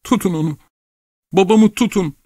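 A man's voice: sits high, quick pace, no echo, studio quality, voice pushed up. A man voicing a distraught young woman pleading with her father. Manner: pleading, cries out.

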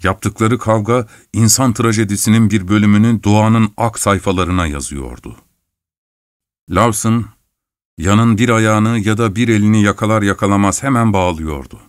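A man narrating an adventure story aloud in a dramatic, measured reading. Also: fairly low pitch, dry recording, clean studio sound. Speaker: audiobook narrator.

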